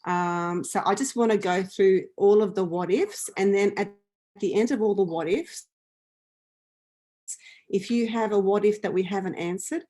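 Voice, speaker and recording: A woman's voice: mid-range voice, moderate pace, warm tone. A woman co-hosting a retreat Q&A on a video call, chatty, with fillers and repeats. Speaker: retreat co-host. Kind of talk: casual chat on a video call.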